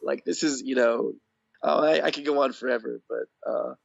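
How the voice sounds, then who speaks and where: A man guest in a casual interview, hoarse with his voice going out, talking in a rambling, enthusiastic way. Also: medium pitch, steady tone, fairly quick. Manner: rambling, enthusiastic, laughs often. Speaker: podcast guest. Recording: dull lo-fi audio.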